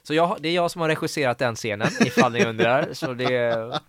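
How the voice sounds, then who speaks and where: A young man, an actor guest, telling stories in a casual interview, animated and swearing casually. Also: medium pitch, no echo, studio quality. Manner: animated, acts out quoted dialogue, swears casually.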